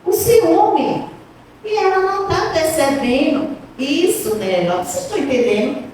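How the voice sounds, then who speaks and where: A woman's voice: high voice, animated, a little slow. A woman giving a conversational spiritist talk, asking the audience questions as she goes. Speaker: spiritist lecturer. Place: spiritist center hall. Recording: echoey hall, distant mic, faint noise.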